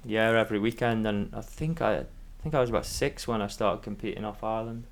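A man in his thirties with a soft, fairly neutral Manx accent and a lowish voice. He talks casually as a podcast guest, feeling his way through thoughts in a hesitant, conversational manner. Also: quick pace. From Isle of Man. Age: 30s. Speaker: podcast guest, former athlete.

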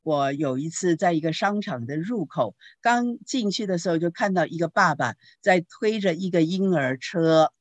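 A woman's voice: on the low side, moderate pace, few pauses, dry recording. Woman pastor telling stories, dry close sound. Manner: lively storytelling with rhetorical questions. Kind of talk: teaching talk on parenting.

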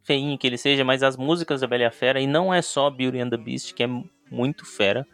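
A dry, close-sounding man with a Brazilian Portuguese accent banters as a podcast co-host. His pitch is average for a man. He talks in casual slang, stressing his opinions and teasing his partner. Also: fast talker, fairly bright tone, clean tone, no room sound. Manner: informal, slangy, emphatic, teasing. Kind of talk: casual bantering chat about films.

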